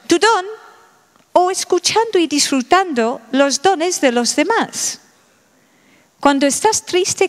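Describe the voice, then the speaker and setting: Middle-aged woman lecturer, slow and unhurried, high voice, full of rhetorical questions, long hall reverb. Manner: asks the audience many rhetorical questions. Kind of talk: public lecture.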